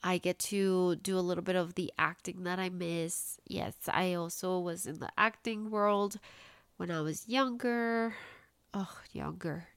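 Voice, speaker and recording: With no room sound, this late-twenties podcast host talks alone in a bubbly, casual way, using "like" constantly while sounding congested and stuffy-nosed. Her voice is lowish, smooth, and a bit bright, with fairly even intonation and a slightly slow pace.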